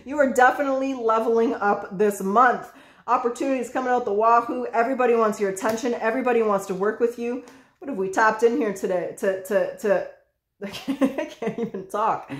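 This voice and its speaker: A woman giving a casual tarot reading, chatty and excitable, who swears freely. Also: a little high, roomy sound. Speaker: tarot reader.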